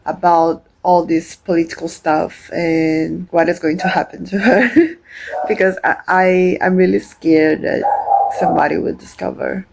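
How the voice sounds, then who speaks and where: A woman's voice: on the low side, fairly even intonation, a little slow, creaky, a little hiss or hum, low-quality recording. A young woman from Brazil, chatting casually about a book she is reading, rambling with many fillers and restarts. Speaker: book vlogger. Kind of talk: casual reading vlog chat.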